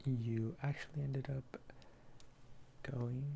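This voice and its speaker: A person in an ASMR role-play as a therapist, explaining and reassuring gently in a halting, hesitant way. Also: mid-range voice, fairly even intonation, creaky, a little hiss or hum.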